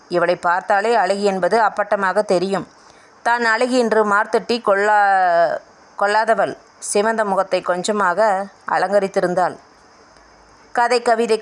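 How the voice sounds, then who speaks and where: A woman reading a family novel aloud as an audiobook narrator, voicing the dialogue in her own voice. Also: mid-range voice.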